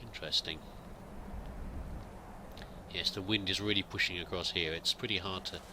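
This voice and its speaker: Against background noise, a man with a low, steady voice speaks at normal speed. As a let's play gamer roleplaying a pilgrim, he gives in-character gameplay commentary, thinking aloud in a musing, hesitant way with many restarts.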